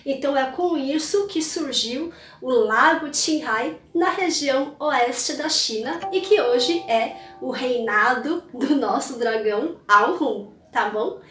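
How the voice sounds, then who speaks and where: A woman's voice: high voice, slow pace, fairly bright tone. A woman telling an old legend in a chatty, casual way, often checking in with the listener. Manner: chatty, adds tag questions. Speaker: storyteller of a culture channel. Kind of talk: casual myth storytelling. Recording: roomy, mic at a distance.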